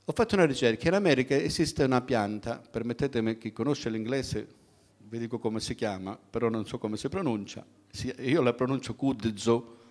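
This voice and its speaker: A middle-aged man delivers a sermon to his congregation. His tone is conversational and direct, with frequent rhetorical questions and pauses for the listeners to respond. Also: medium pitch. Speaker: preacher.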